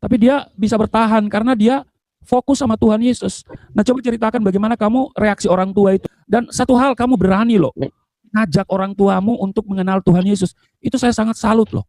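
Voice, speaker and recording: High-voiced man interviewing, pastoral. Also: steady tone, fast, darkish tone, no room sound. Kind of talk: church testimony interview.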